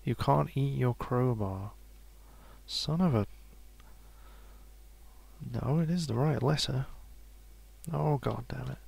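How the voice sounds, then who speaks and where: A man giving relaxed, casual commentary while playing a game, musing to himself and laughing softly now and then. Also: mid-range voice, slow, vocal fry, pauses often, breathy edge. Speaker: let's play gamer.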